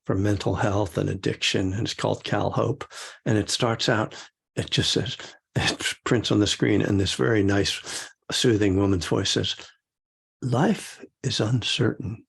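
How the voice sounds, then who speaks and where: A man's voice: lowish voice, fairly even intonation, moderate pace, vocal fry, husky. An older man and meditation teacher gives a rambling, casual dharma talk, chuckling often and full of fillers.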